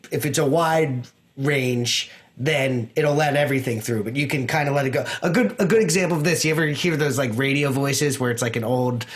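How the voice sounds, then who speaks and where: A man teaching an online guitar lesson in a casual way, explaining things with many restarts and fillers over a video call. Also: a little high. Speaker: music teacher.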